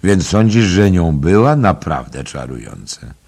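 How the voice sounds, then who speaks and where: A man voicing a jovial, mocking young man who talks loudly and theatrically, in an audiobook. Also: deep voice, sing-song, unhurried, creaky, slightly rough, voice pushed up, exaggerated voice. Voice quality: exaggerated, playful. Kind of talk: audiobook character reading.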